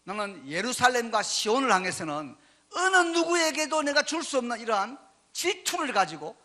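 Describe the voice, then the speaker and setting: A man interpreting a sermon into Korean in a church, speaking with lively emphasis and leading the congregation in reading. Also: extremely high pitch, normal speed. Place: church sanctuary.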